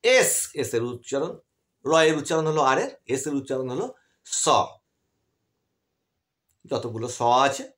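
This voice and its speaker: Man, lively voice, patient teacher, online grammar lesson. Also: medium pitch, a little slow, long pauses. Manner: explains patiently with many restarts and questions to students.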